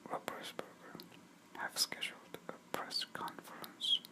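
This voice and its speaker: Whispered ASMR reader for news copy: breathy, fully unvoiced, unhurried delivery.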